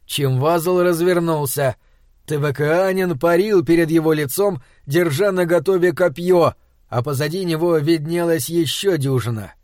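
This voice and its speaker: A man reading a fantasy audiobook in a measured storytelling manner. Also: on the high side, darkish tone, no echo, studio quality. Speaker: audiobook narrator. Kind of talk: scripted narration.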